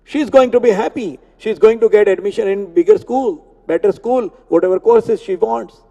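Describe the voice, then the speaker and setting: A man giving a spiritual discourse on scripture, explaining Sanskrit words slowly and repeating terms. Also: high voice, gravelly, warm tone, dull audio. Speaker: Gita teacher. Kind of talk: religious discourse. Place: temple hall. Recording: long hall reverb.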